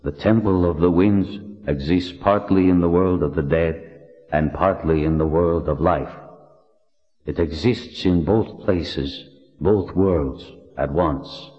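A man voicing the spirit of an ancient male ancestor, speaking slowly and solemnly in riddles. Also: sits low, long reverb tail, muffled recording, faint music behind.

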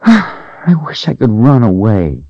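A man's voice: on the low side, wildly swooping pitch, slow, dry recording, lo-fi sound, voice pushed up, heavily acted. A man doing a timid lonely little girl. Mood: wistful, fearful. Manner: wistful, fearful and soft.

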